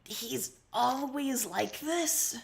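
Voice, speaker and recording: A woman's voice: high voice, lively intonation, unhurried, vocal fry, full character voice. A woman reading aloud as a curious, grumpy young man, with a blunt, questioning way of talking.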